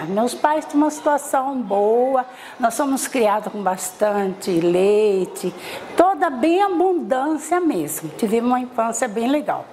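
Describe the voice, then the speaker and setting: A middle-aged mother from Salvador, Bahia, Brazil, tells her life story in an interview, speaking in a high voice. She is chatty, full of tag questions and restarts, and there is slight background noise.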